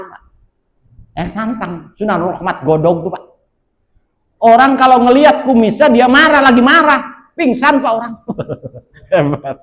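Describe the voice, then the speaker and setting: A man preaches a casual, story-driven sermon with a high voice. He jokes his way through the tale and keeps turning to address his listeners directly. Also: low-quality recording. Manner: jokey, laughs at his own stories, often addresses listeners as "Pak". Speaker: Islamic preacher.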